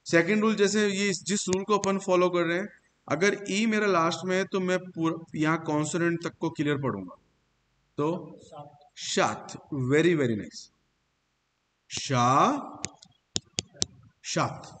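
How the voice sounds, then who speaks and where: A man's voice: high-pitched, takes it slowly, pauses often, fairly bright tone. A man teaching a French pronunciation class in a classroom, explaining rules step by step and praising his students. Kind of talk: classroom lesson with slides. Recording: long reverb, faint hiss.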